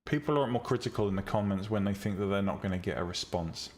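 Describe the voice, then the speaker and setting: This man's voice is fairly low and fast, yet calm and relaxing. He's a streamer who teaches 3D rendering and visual novel making, chatting bluntly and casually with viewers about 3D tutorials amid many ums and restarts.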